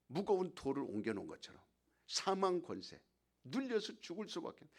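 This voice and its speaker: Gravelly, lively male preacher. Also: on the low side. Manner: emphatic preaching, call-and-response. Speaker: pastor. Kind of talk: sermon.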